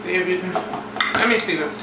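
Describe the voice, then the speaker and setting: Speaking quickly in a fairly low, creaky voice, a thirtysomething woman gives a casual cooking demo indoors at home. Her talk is relaxed and folksy, but heavy background noise, clattering dishes, and a distant camera mic in a roomy kitchen fill the recording.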